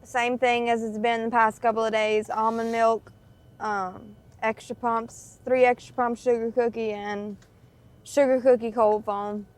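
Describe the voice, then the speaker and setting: Relaxed young woman co-hosting a road-trip vlog. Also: fairly high pitch, measured pace. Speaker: co-host, passenger. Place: inside a moving truck.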